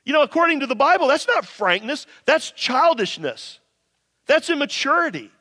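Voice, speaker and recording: A man's voice: very high voice, big pitch swings, normal speed, pushed and bright. A man preaching a sermon, emphatic and conversational, addressing listeners directly with rhetorical questions and repetition. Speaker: pastor preaching. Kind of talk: sermon to a congregation. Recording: long reverberant hall sound.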